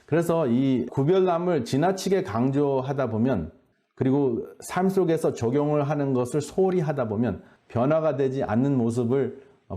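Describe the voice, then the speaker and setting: A man giving an earnest, measured faith-based health lecture, often pausing on hesitation sounds. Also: medium pitch, mellow. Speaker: lecturer at a health boot camp.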